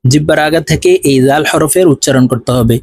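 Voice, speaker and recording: A man teaching Quran letter pronunciation, slowly chanting each syllable for the listener to repeat, then explaining in quicker asides. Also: fairly high pitch, gravelly, a little mellow, breathy edge, no echo. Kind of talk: slow drilled letter recitation with explanations.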